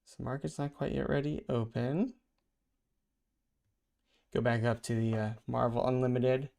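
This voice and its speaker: A man hosting a vlog, chatting casually and thinking out loud while he reads a comic aloud. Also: medium pitch, little pitch movement, a little slow, creaky. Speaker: vlog host.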